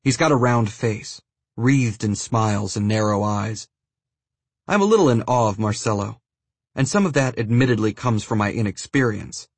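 A man's voice: on the low side, moderate pace, slightly rough, no room sound. A man narrating a scripted first-person account as an audiobook reader.

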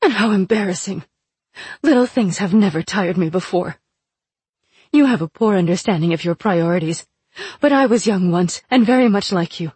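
A woman's voice: medium pitch, lively intonation, normal speed, darkish tone, slightly rough, dry recording. A woman voicing a tired, stern older female mentor who is ill. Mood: weary stern.

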